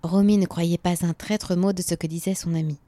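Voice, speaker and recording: A woman reads a children's story aloud, clear and expressive. Her voice sits on the low side for a woman, and she narrates at an easy pace. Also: normal speed.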